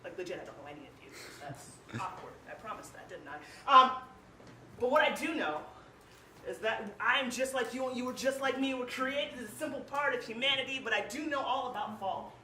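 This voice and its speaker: A young woman from Cleveland, Ohio, performs spoken word poetry at a small live music venue, her voice fairly high, a little fast and sharp in tone. She delivers it emotionally and emphatically, dropping in lots of "like"s. The recording is roomy and echoing, captured from a distance, with a bit of hiss or hum.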